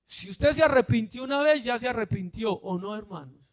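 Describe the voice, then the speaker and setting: A pastor preaching a sermon to his congregation, asking them questions and often rising to a shout. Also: very high-pitched, lively intonation, fairly quick.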